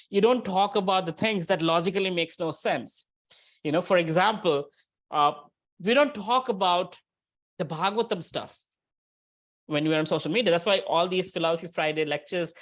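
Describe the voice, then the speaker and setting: A spiritual teacher giving an informal religious lecture and answering questions, conversational and often checking in with "right?". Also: medium pitch. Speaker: spiritual teacher leading a scripture discussion.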